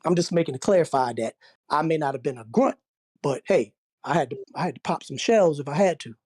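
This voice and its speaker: A man's voice: fairly high pitch, animated, fairly quick, a little mellow. A man talking casually on a live panel, insistent and repeating himself. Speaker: panelist, military medical veteran.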